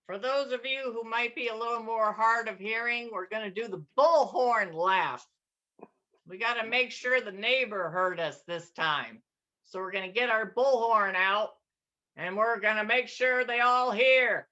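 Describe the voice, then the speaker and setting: A cheery woman in her sixties guides a group through laughter exercises with lots of laughing and cheering. Her voice is bright and her delivery unhurried. The sound is dull and lo-fi, like a video call. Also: fairly high pitch. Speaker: laughter yoga leader. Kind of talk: leading an online group exercise class.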